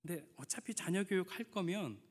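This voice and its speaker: Male pastor, middle-aged, expressive sermon delivery, long church reverb. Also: high-pitched, a little fast, slightly rough. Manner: emphatic, asks the congregation questions, tells family anecdotes. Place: church sanctuary.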